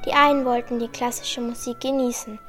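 A woman reads a school news report in an even, scripted delivery. Her voice sits a little high, with faint music underneath. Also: fairly quick.

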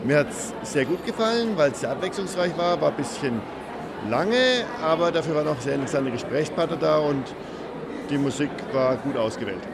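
A man, a visitor at an event, giving a measured short interview answer. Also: a little high, animated, creaky. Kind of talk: vox-pop interview. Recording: loud crowd, noisy venue.

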